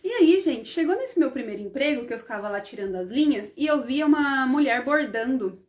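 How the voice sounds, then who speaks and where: A woman's voice: sits high, lively intonation, fairly quick, darkish tone. A woman hosting a live stream, telling stories from her own working life in a casual, chatty way, often checking in with her listeners and acting out the dialogue. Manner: chatty, often adds "né?" and addresses the audience as "gente". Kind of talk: casual personal storytelling.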